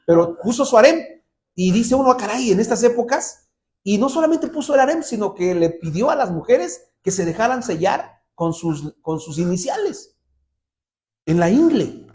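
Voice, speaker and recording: A man's voice: high voice, moderate pace. A man with a Mexican Spanish accent preaching a sermon as pastor, telling stories and acting out the people he quotes. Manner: lively storytelling, voices quoted characters.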